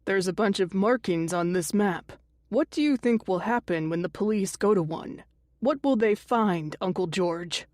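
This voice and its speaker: A woman reading an audiobook voices an angry young man who shouts accusations while holding a gun. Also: medium pitch, moderate pace, dry recording, studio quality, lightly acted.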